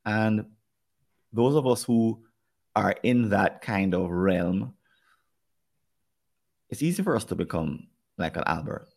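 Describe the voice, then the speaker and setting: A man's voice: on the low side, expressive, slow, long pauses, darkish tone. A man with a Jamaican accent hosting a podcast, talking things over earnestly and turning now and then to speak straight to his listeners. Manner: earnest, reflective talk that addresses listeners directly. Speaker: podcast host. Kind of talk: casual podcast conversation.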